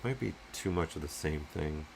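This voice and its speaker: A man's voice: a bass voice, normal speed, vocal fry, slight background noise. A man streaming his 3D sculpting work, muttering half-finished thoughts aloud as he works and answers chat.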